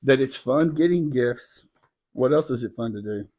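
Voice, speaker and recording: A middle-aged man hosting a casual live video at home, playful and teasing with a child, often dropping to a soft hushed voice. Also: medium pitch, moderate pace.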